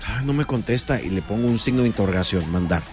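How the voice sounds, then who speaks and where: A man's voice: on the low side, expressive, quick pace, darkish tone, soft background music. A man with a Mexican accent co-hosting a radio show, explaining with examples and many fillers. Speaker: radio co-host. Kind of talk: casual radio banter.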